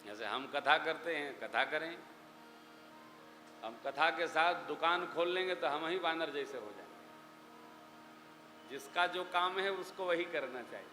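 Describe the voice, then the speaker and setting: A man giving a dramatic scripture discourse, dropping his voice low, then rising loud. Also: measured pace, pauses often. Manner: dramatic storytelling, swings from hushed to loud. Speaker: religious storyteller. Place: large hall. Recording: echoey hall with music behind.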